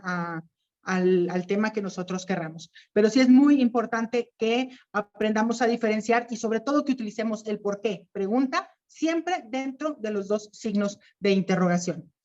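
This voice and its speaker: Woman teacher explaining grammar online. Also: on the high side. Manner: explanatory, repeats examples slowly. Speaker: writing workshop teacher. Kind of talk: online class lecture. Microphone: video call. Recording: lo-fi video call audio.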